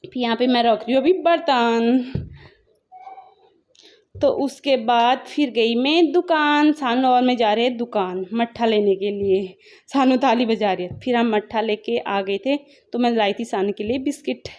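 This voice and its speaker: A woman's voice: on the high side, a little slow, darkish tone, muffled recording. A young woman with a Pahari-tinged Hindi accent, casually narrating her daily routine in a rambling, homely way. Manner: chatty, rambling, homely storytelling. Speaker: vlogger.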